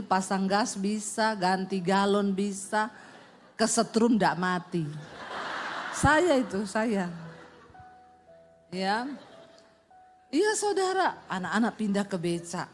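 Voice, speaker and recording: A middle-aged woman pastor, telling funny stories in a sermon and acting out voices and sounds. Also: medium pitch. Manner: animated, acts out voices and sound effects. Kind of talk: humorous sermon storytelling.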